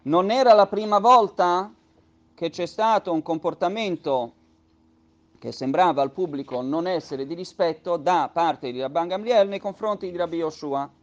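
A male teacher gives a text study lesson in a slightly raised voice. He reads out each phrase in Hebrew, then unpacks it slowly and patiently, restating each point. The recording sounds dull and lo-fi. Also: sits high. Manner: explains patiently, with many restatements.

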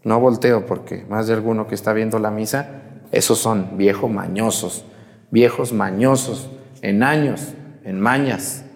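A male priest, preaching during mass in a lively, teasing way and putting questions to the congregation. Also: on the low side, unhurried, creaky, long reverb tail. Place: church.

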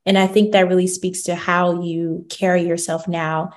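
A woman's voice: on the low side, flat delivery, moderate pace. A woman hosting an interview, summarizing the guest's answers before asking her next question. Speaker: interviewer host. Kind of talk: casual interview conversation.

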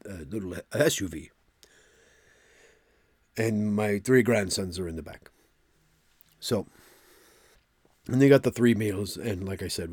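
An older man hosting a podcast, telling a long story in a casual, animated way and getting worked up as he replays an argument. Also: breathy edge, no room sound. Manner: animated, rising to exasperated pitch when replaying arguments. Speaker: podcast host.

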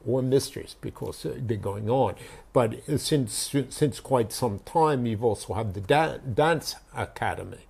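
A man explaining as a guest author in a thoughtful, halting way, often restarting his sentences. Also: mid-range voice, creaky, darkish tone, slightly rough. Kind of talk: conversational explanation.

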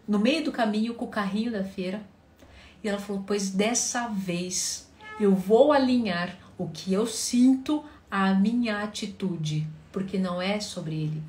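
A woman therapist telling an audience about a client case, acting out the quoted lines with lively swings in her voice. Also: mid-range voice, a little slow. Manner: animated storytelling, acts out client quotes. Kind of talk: talk to an audience. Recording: roomy with faint background noise.

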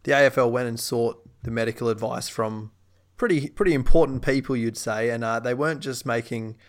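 A man's voice: mid-range voice, a little fast. An Australian man talking casually about sport as a podcast host.

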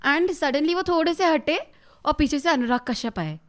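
Young woman rapper on a podcast, kinda high voice, laughs a lot telling her story. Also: normal speed. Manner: animated, laughs often, mixes Hindi and English. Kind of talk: casual storytelling chat.

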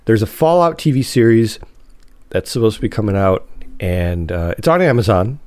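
A man's fairly low, darkish voice moves at normal speed with lively intonation as he hosts a casual solo podcast, free of echo. Nasal from a cold, he rambles chattily and frequently corrects himself.

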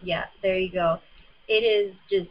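A woman co-hosting a casual chat, chatty and quick to laugh. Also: medium pitch, steady tone, dull audio. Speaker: podcast co-host.

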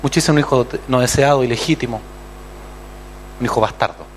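A man's voice: mid-range voice, fairly quick, slight background noise. A man with a Chilean accent preaching a sermon as pastor, acting out other voices and calling for amens. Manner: animated, acts out voices and calls for amens.

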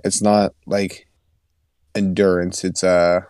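A man's voice: low voice, little pitch movement, slow, a little mellow, clean tone, no echo, clean studio sound. A young man on a sports podcast who rambles, loses his words and giggles as he talks. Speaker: podcast co-host. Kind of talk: casual sports chat.

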